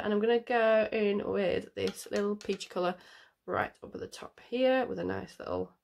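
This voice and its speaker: A slightly high, creaky voice belongs to this makeup vlogger, an adult parent congested with a cold. She chats loosely while doing her makeup on camera, rambling and saying um a lot in a casual tutorial.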